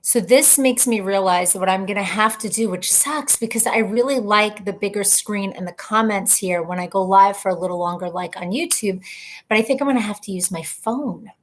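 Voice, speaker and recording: A woman with a mid-range voice and moderate pace hosts a casual livestream chat indoors at home, calling out viewers by name and teasing herself. The sound comes from her computer's webcam mic.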